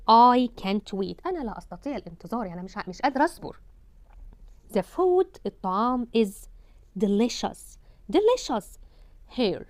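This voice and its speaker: A woman teacher with an Egyptian Arabic accent gives an English lesson for children, saying English words slowly and stretched out and then translating them. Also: a little high, a little mellow, dry recording.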